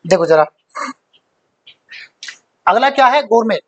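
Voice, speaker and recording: A man's voice: very high-pitched, expressive, slow pace, no room sound, muffled recording. A male teacher giving a vocabulary lesson, who asks questions and then answers them himself, repeating the key words for emphasis.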